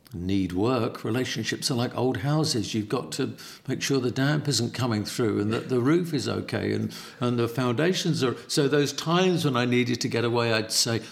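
A man's voice: medium pitch, vocal fry. A middle-aged man with a Cockney accent, reflecting as an interview guest and often repeating words as he searches for them. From East End of London.

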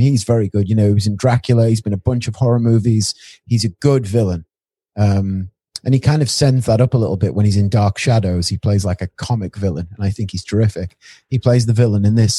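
A man's voice: lowish voice, warm tone, husky, no echo, clean studio sound. A man co-hosting a podcast, chatting casually and a bit ramblingly about a film. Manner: chatty, rambling, with small restarts. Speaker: podcast co-host reviewing a film.

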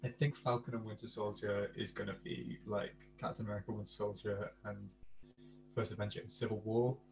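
A man's voice: lowish voice, little pitch movement, brisk, vocal fry, faint music behind. A man co-hosting a podcast, chatting casually and hesitantly, often restarting with "I think". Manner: hesitant, repeats starts with "I think". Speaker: podcast co-host. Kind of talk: casual chat.

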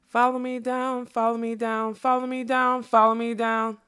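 A woman's voice: mid-range voice, normal speed, a bit bright, lightly acted. Casting: female reader as flighty male butterfly for a storybook, theatrical, rambling, songful, whimsical nonsense-spouter. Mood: manic, singsong. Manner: theatrical, rambling, bursting into song. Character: whimsical scatterbrained male butterfly who sings and quotes nonsense. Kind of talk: acted audiobook storytelling.

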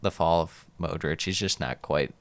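A man's voice: a bass voice, moderate pace, a bit bright. A man hosting a casual sports podcast, talking through soccer matches conversationally. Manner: conversational, asks co-host for opinions.

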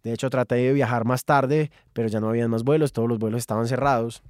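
A man, a songwriter telling a personal story in an animated monologue. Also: medium pitch, quick pace, dry recording, studio quality.

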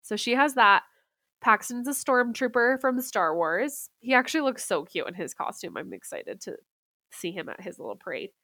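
Bright-voiced congested woman chatting. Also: fairly high pitch, animated, moderate pace, no echo. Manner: chatty, upbeat. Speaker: podcast co-host. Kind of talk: casual chat.

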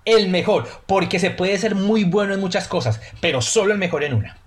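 Brisk and high-pitched, a Colombian man who works as a pastry chef talks earnestly as a guest on a casual podcast. Spanish is his first language and his accent is Colombian; he frequently repeats words as he looks for the right one.

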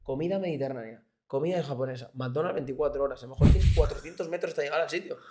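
A young man from Spain, a boxer guesting on a podcast, telling stories in an animated, casual way and acting out quoted voices. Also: on the high side, quick pace, husky. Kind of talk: casual interview chat.

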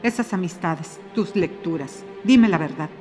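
A man's voice: high-pitched, normal speed, close to an everyday voice. A woman voicing a jealous, furious husband who accuses and threatens in a dramatized literary reading, with faint music underneath. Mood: angry. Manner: accusing, muttered through teeth.

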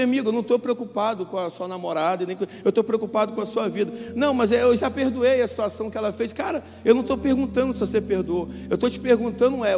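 A man pastor preaching a sermon, passionately retelling conversations and acting out the voices in them. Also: very high-pitched. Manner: impassioned, storytelling, acting out dialogue. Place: church hall. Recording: church hall reverb with soft instrumental music.

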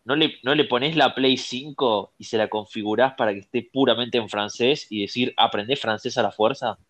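A man's voice: medium pitch, normal speed, fairly bright tone. A young man with an Argentine accent, talking bluntly and full of slang in a casual chat with friends. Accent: Argentine Spanish.

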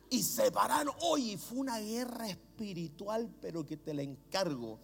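A middle-aged man with a Chilean Spanish accent, preaching a sermon as a pastor, swinging from low murmurs to shouts. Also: vocal fry.

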